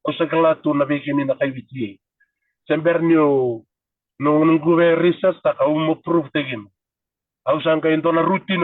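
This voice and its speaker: A man's voice: on the high side, dry recording, far from the mic, narrow, tinny audio. A man in his thirties with a Fijian accent, talking earnestly as a podcast guest in casual chat and switching languages. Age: 30s.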